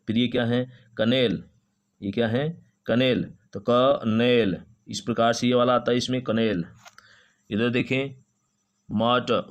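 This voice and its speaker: A man's voice: mid-range voice, a little mellow. Male teacher, patient drilling of pronunciation, repeats each word. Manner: repeats each word slowly several times. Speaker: English teacher. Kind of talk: phonetics lesson.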